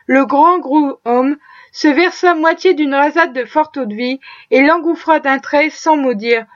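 A woman reading a classic novel aloud in a steady, measured way, on a dull lo-fi recording. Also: high-pitched. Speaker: audiobook reader.

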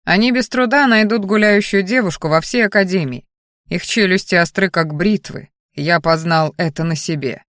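A woman voicing a grey-haired male academy magister who lectures in a calm, measured, reproving way. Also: fairly low pitch, no echo, clean studio sound, close to an everyday voice. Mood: grave.

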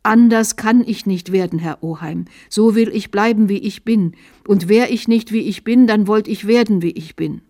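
A woman voicing a timid, proud young nobleman who speaks in a hushed voice. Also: on the low side, steady tone, normal speed, few pauses, dry recording, clean studio sound, close to an everyday voice. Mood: defiant.

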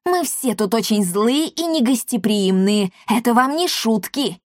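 A woman's voice: on the high side, lively intonation, a little slow, no room sound, clean studio sound. A woman voicing a stern, suspicious grey striped tomcat who hisses threats. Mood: menacing. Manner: hissing, menacing.

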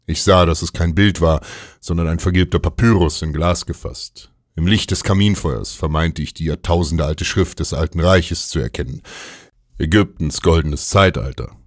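A male audiobook narrator with an extremely deep voice, reading a literary story in a measured, even way. The recording is dry and close, with no room sound. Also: dry recording.

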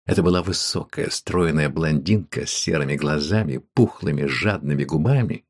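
A man narrating a story in a measured, unhurried audiobook reading. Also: rumbling low, slightly rough. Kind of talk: scripted narration.

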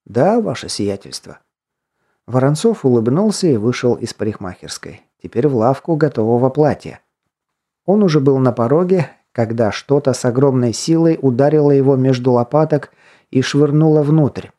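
A man narrating an audiobook fantasy novel in a steady, measured reading voice. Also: medium pitch. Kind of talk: scripted narration.

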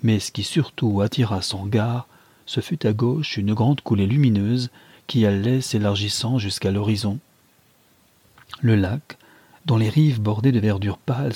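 A man reads a classic novel aloud in a calm, measured storytelling manner. His voice sits low and has a husky edge. The recording is dry and close, with no room sound. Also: dry recording. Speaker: audiobook narrator. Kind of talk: scripted literary narration.

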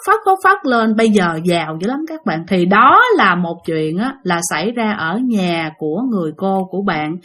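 A woman's voice: medium pitch, a bit bright. A woman with a Southern Vietnamese accent hosting a ghost-story channel, narrating in a chatty way and talking straight to her listeners. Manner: chatty, addresses listeners directly.

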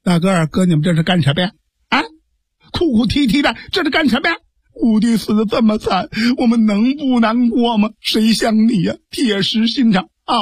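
A storyteller playing Jiang Ping, fierce and pleading. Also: male voice, high voice, normal speed, husky, dry recording. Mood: agitated. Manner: pleading, forceful, rhetorical. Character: earnest sworn brother urging a grieving official. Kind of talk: traditional storytelling dialogue.

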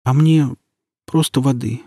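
Man putting on a squeaky, plaintive old mother. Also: fairly even intonation, a little slow, mellow, dry recording, studio quality, close to an everyday voice. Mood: weak. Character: frightened older mother, meek and plaintive.

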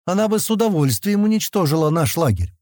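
A man's voice: sits high, big pitch swings, fast, darkish tone, no echo, clean studio sound, voice pushed up. A man voicing a clever, decisive female alien colonist leader who speaks firmly and commands. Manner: firm, commanding.

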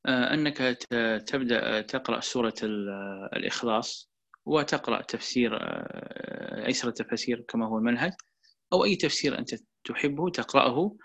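A man giving a religious lesson to an online class, speaking quickly at a mid pitch. He explains in a measured way and repeats key words for emphasis. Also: gravelly, fairly bright tone. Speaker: Quran teacher. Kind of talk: religious lecture and Q&A.

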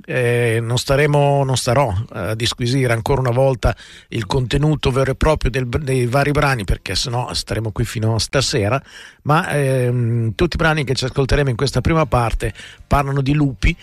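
A man hosting a radio music show, speaking casually with frequent hesitations and self-corrections. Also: medium pitch. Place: radio studio.

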